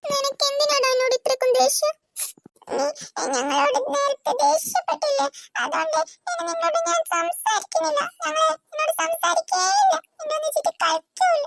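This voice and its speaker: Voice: very high-pitched, normal speed, gravelly, a bit bright, no room sound, soft background music, full character voice. A performer voicing a bossy young girl in a cartoon who scolds her little brother.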